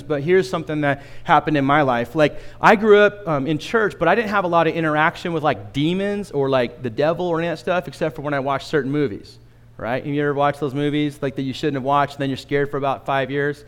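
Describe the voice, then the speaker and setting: A man's voice: on the high side, fairly quick. Middle-aged male pastor, slightly raised voice, chatty humorous sermon style with questions to the room. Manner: conversational and humorous, asks the congregation questions.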